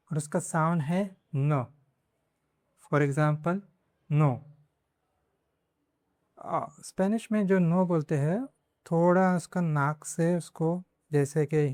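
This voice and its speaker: A man teaching a pronunciation lesson, slowly saying each word twice. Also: fairly high pitch, a little mellow, no room sound, clean studio sound. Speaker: Spanish teacher.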